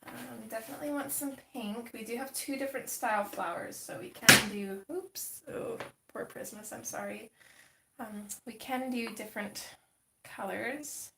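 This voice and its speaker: A chatty woman livestreams while coloring in an echoey room, greeting viewers by name and thinking aloud. Her voice is a little high, gravelly, and measured, she's getting over a cold with a slight cough, and the recording is very noisy with roomy echo.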